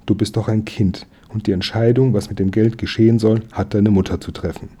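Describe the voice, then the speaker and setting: A man's voice: fairly low pitch, little pitch movement, a little fast, warm tone, husky. A man reading aloud, voicing a strict, stubborn uncle who lectures firmly in a storybook. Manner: firm and lecturing.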